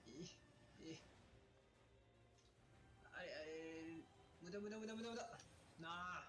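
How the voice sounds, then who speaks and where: Excitable male gamer on a webcam mic, high and bouncy, cursing at enemies over faint game music. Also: takes it slowly. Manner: excitable, exclaiming, swearing at enemies. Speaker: let's play gamer. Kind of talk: excited gameplay commentary. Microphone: webcam's built-in microphone.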